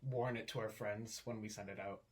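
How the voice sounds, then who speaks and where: A man's voice: on the low side, steady tone, a little fast, a loud crowd. A young man co-hosting a podcast in casual chat, laid-back and often chuckling. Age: young adult. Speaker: podcast co-host.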